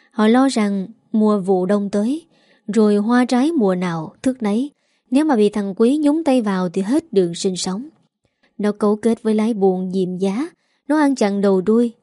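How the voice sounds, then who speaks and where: Mellow woman narrating a story. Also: mid-range voice, no room sound, clean studio sound. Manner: calm, measured reading. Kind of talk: audiobook storytelling.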